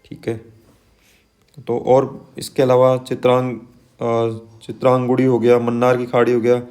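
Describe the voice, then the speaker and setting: Mellow-voiced man teaching exam lists. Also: mid-range voice, completely flat delivery. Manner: conversational, frequent "है ना" and "ठीक है" tags; reads place lists slowly, one item at a time. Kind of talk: exam-prep lesson.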